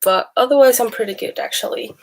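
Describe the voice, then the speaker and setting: A young Swedish woman hosts a livestream while sick, chatting casually with viewers, rambling and laughing often. Her fairly high, creaky voice moves at a quick pace, and her accent is Swedish mixed with bits of Texan, Australian and British English.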